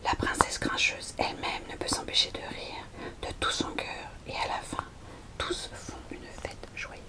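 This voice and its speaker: A young adult woman recommends storybooks in an ASMR video, speaking in a soft, unhurried library whisper as she presents each one.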